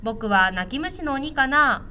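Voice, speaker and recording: A shy, timid little kindergarten boy, voiced by a woman reading a storybook, speaks in a small voice. His voice is high and bright. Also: expressive, measured pace, slight background noise, full character voice.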